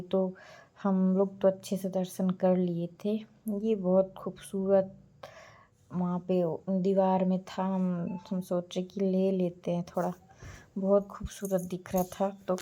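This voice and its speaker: A woman's voice: fairly low pitch, warm tone. A woman narrating her trip photos and videos in a chatty, homely voice-over, talking to her viewers.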